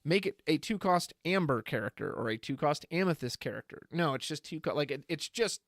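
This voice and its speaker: Male streamer, higher pitch, chatty think-aloud delivery, dry close sound. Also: animated, brisk, fairly bright tone, no echo. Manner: thinks aloud, reads card text and chat, chatty. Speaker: streamer reviewing trading card spoilers. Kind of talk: casual live-stream commentary.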